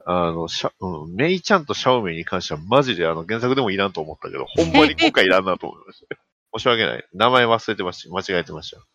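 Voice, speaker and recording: A man's voice: low-pitched, wildly swooping pitch, fast talker, fairly bright tone, no echo. A man, joking and laid-back in a casual chat. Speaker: film reviewer. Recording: dull lo-fi sound.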